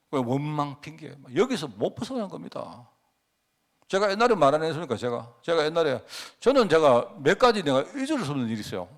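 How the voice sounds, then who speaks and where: A middle-aged male pastor preaching a sermon, telling a personal story and throwing rhetorical questions at the congregation. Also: fairly high pitch. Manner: personal storytelling with emphatic swells and drops.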